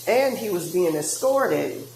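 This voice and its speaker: A woman with a low-pitched voice talks in a loose, rambling monologue, stopping and restarting with many fillers. She sounds woozy and out of breath. A faint hiss sits under the recording. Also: expressive, slow pace, vocal fry, darkish tone. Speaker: tarot reader.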